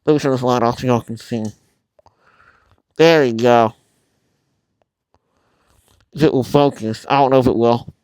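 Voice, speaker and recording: A man hosting a casual tutorial vlog, talking informally and haltingly through a mask that muffles his mouth, often apologetic. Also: medium pitch, fairly even intonation, a little mellow, clean tone, dry recording. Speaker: video host.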